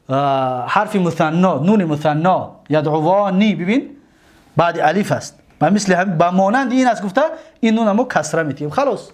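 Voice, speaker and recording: High-voiced man teaching grammar. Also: a little mellow. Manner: slow drawn-out recitation of word forms; repeats and asks students if they follow. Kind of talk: Arabic grammar lesson.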